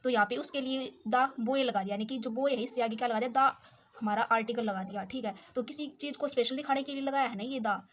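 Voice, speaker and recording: A woman with a somewhat high voice teaches grammar, going through each example slowly and repeating key points. She checks in with her listeners after nearly every step. Faint background noise and pen clicks sit under her voice. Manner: slow, repetitive explaining with frequent check-ins. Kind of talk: explaining with examples in Hindi.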